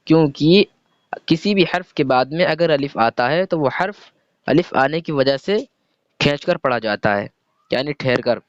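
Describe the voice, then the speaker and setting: A man with a fairly high voice and lively intonation gives a slow, step-by-step reading lesson, patiently spelling out letters and sounds one by one and posing questions he answers himself. The recording is dry, with a dull, lo-fi sound.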